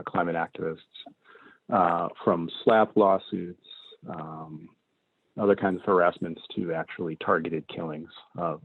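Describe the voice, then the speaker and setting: A man with a low, gravelly, husky voice moderates an online panel with measured, halting delivery full of ums. The sound is dry and thin, like a phone-line video call. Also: no echo. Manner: measured, many ums and uhs.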